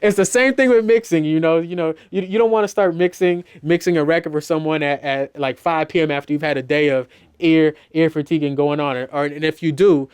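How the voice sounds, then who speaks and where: In a studio, a middle-aged mix engineer walks through how he mixes, teaching in a loose, casual way packed with "you know" and restarts. His voice sits on the high side, steady and clean with a darkish tone, and he talks fairly quickly with hardly any pauses.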